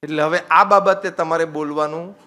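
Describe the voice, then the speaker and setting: A man, a swami, giving a humorous religious discourse on married life, lively and teasing, slipping English phrases into his talk. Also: a little high, normal speed.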